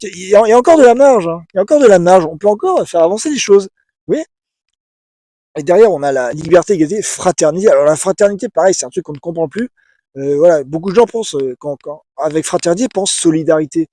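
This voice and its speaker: A man's voice: on the high side, mellow, no echo. A man giving casual spoken commentary, hesitant, with many repeated words and restarts, often checking in with his listeners. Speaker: video essayist.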